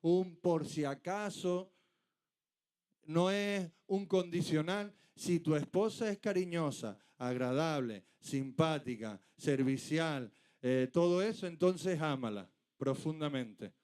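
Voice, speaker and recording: Preacher guy, high voice, emphatic sermon, keeps building to urgent peaks. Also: lively intonation, slow pace, darkish tone, clear, resonant tone. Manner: emphatic, rhetorical questions, rising to urgent peaks.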